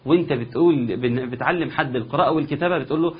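Egyptian man teaching Quran recitation, husky. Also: medium pitch. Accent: Egyptian Arabic. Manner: explains step by step, then chants example verses slowly. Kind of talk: recitation lesson. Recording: dull lo-fi sound.

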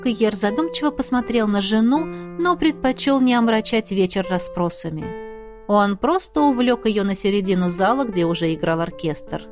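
A woman reading a novel aloud in an even, measured narration. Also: medium pitch, faint music behind. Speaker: audiobook narrator. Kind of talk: scripted narration.

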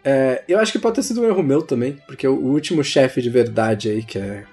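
A man's voice: mid-range voice, expressive, brisk, warm tone. A young man with a Brazilian Portuguese accent, chatting casually and telling stories about video games in slangy, informal speech. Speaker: gaming podcast host. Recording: music playing behind the voice. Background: background music.

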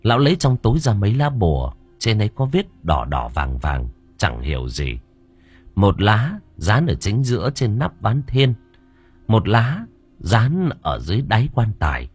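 A man narrating an audiobook, telling the story in an expressive, animated way. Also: lowish voice, moderate pace, breathy edge, soft background music.

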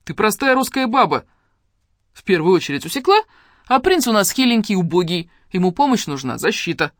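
A reader voicing a rude, scolding old village woman who shouts coarse, bossy lines at a young woman. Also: mid-range voice, very animated, fairly quick, no room sound, clean studio sound, voice pushed up.

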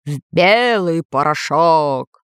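A woman voicing the ghost of a male pirate captain, speaking slowly and menacingly. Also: low-pitched, expressive, smooth, dry recording, studio quality. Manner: slow, drawn-out, threatening.

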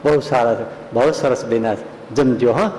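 A preacher voicing a calm, kindly revered divine master who speaks gently and affectionately. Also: male voice, medium pitch, normal speed, a little hiss or hum, voice pushed down, lightly acted. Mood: gentle. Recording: echoey hall with long reverb.

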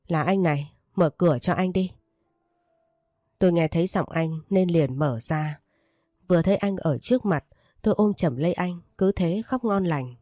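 A woman reading a first-person romance story aloud, voicing the dialogue in her own steady narrating voice. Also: on the low side, no echo, studio quality.

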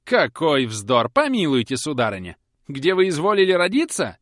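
A fiery young nursemaid from an audiobook, voiced by a man, ranting in a high, scornful tone. Her voice leaps up and down. The sound is close and dry. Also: big pitch swings, moderate pace, a bit bright, no room sound. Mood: indignant. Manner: shrill, indignant, mocking. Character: fiery sharp-tongued young nursemaid woman.

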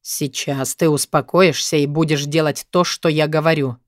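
A woman's voice: fairly even intonation, no echo, clean studio sound, natural voice. Cold domineering teacher, voiced by a woman. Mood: cold menacing. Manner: low, menacing, slow and controlled.

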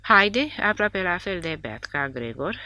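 A woman reading a novel aloud as an expressive narrator. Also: fairly low pitch. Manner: expressive storytelling. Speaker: audiobook narrator. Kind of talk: scripted narration.

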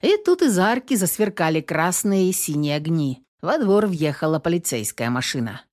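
A woman reading a novel aloud as an audiobook narrator, expressive and acting each character. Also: lowish voice, normal speed. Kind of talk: scripted narration.

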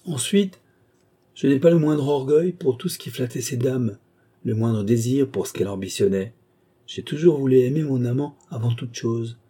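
A man's voice: medium pitch, moderate pace, mellow, husky, lightly acted. A man voicing a proud, witty young royal mistress in an audiobook, sulky and mock-indignant. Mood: coaxing. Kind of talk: audiobook character reading.

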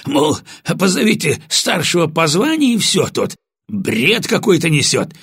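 A man voicing a brutal, exhausted male state security sergeant in an audiobook, shouting abuse with a husky voice. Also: fairly high pitch, sing-song, a little slow, no echo, clean studio sound, voice pushed up, exaggerated voice. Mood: sneering. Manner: snarling, abusive shouting.

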